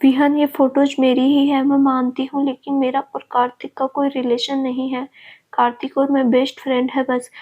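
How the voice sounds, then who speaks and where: A woman's voice: high-pitched, completely flat delivery, normal speed. A woman voicing a desperate young woman who pleads and insists through tears. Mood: pleading, tearful. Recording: dull lo-fi recording.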